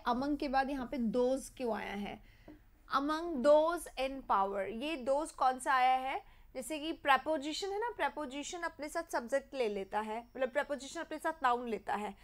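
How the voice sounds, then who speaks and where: A young woman with an Indian English accent teaching English grammar in a live online class, mixing Hindi and English and reading example sentences slowly. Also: sits high, fairly bright tone. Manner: mixes Hindi and English, reads sentences slowly, quizzes viewers. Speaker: English teacher for competitive exams.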